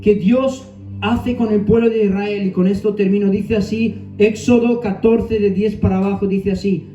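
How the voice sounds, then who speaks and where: A man in his thirties preaching a sermon with personal testimony, earnest, moving between soft asides and emphatic phrases. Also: high voice, fairly even intonation, normal speed. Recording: echoey room, distant mic, dull sound, faint music.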